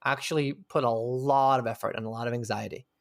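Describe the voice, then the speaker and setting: Recorded dry, a male interviewee speaks fairly quickly in a steady, mid-range voice with some vocal fry. The conversation is reflective; he thinks aloud, searching for his words, and drops the odd casual curse.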